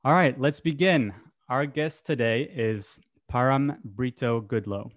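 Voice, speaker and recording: A man hosting a podcast interview, asking friendly, unhurried questions with some fillers. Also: medium pitch, dry recording, clean studio sound. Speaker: podcast host.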